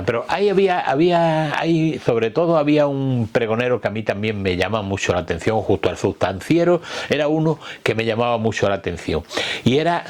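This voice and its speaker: Older guy from malaga, andalusian accent, kinda low voice, chatty history talk, stops and repeats words a lot. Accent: Andalusian, from Málaga. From Málaga, Spain. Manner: halting, searching for words with repetitions. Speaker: speaker on local history. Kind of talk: informal talk recalling old street vendors.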